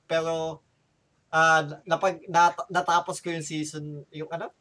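A man's voice: fairly high pitch, level tone, a little slow, pushed and bright. A man with a Filipino accent hosting a casual podcast chat, often restarting words while he searches for a term. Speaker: podcast host.

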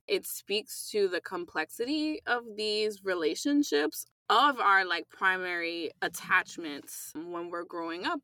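A woman hosting a conversation, calm and reflective as she responds to her guest. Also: mid-range voice, no echo.

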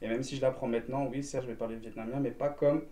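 A man's voice: mid-range voice, steady tone, racing, mellow, far from the mic. Belgian guest, man, earnest casual chat, slang and fillers, roomy echo. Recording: echoey room.

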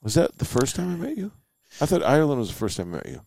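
A man's voice: a little high, huge pitch swings, fast, gravelly, a little mellow, no echo. A man guesting on a casual podcast chat, joking, rambling and swearing freely.

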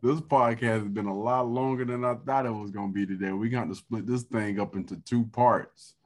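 A laid-back man in his thirties with a low voice hosts a podcast over a video call. He talks casually and easily and keeps dropping "man" and "dog" into his sentences. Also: steady tone, normal speed. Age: 30s. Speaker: podcast host. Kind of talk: casual chat.

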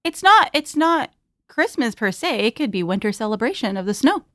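Giggly woman with a lively voice. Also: a little high, normal speed, dry recording, studio quality. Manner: giggly, chatty. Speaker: player. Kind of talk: casual tabletop play.

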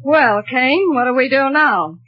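A woman playing a brisk, sceptical villain's accomplice who questions everything in an old radio space serial. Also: high voice, animated. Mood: sceptical, curious. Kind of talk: 1940s radio serial acting. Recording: muffled vintage radio recording.

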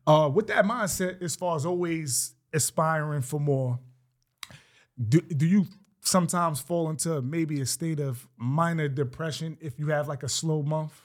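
A man hosts a podcast in a loose, slangy conversational manner. His voice is slightly high. He asks his guest questions casually. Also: unhurried. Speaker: podcast host.

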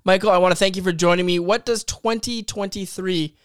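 A man's voice: sits high, fairly even intonation, fairly quick, clean tone, no room sound, studio quality. A man hosting a podcast interview, chiming in with brief supportive remarks. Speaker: podcast host. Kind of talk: casual interview.

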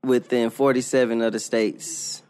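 A man's voice: medium pitch, little pitch movement, a little slow, darkish tone, clear, resonant tone. A man co-hosting a casual show, with a mid-range voice. He argues his points and teases his co-host while he runs through the news. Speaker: podcast co-host. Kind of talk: casual chat.

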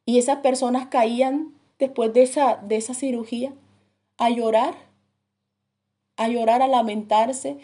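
A woman preaching a sermon in an earnest way, dropping her voice low for grave points. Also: fairly even intonation, unhurried, dark tone.

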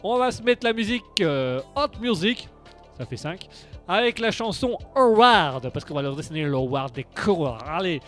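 A man's voice: sits high, sing-song, normal speed, a bit bright, soft background music. A man hosting live radio, chatting through the news in a rambling, sarcastic way, full of fillers and restarts. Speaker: radio host.

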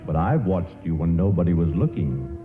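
A measured, deep-voiced Death; 1940s radio drama, tinny band, music bed. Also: male voice. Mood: calm. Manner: calm, measured, quietly ominous. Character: calm mysterious Death as a gentleman caller.

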